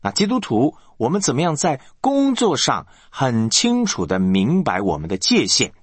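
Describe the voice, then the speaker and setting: Husky male pastor preaching animatedly. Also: medium pitch, normal speed, dry recording. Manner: animated preaching with rhetorical questions to the congregation. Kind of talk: sermon.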